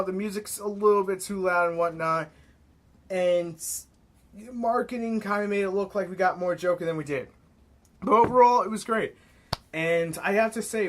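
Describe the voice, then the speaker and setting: Young male reviewer from New York, slightly high voice, casual and profane. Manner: excitable, blunt, swears freely. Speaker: movie reviewer. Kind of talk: casual spoken film review.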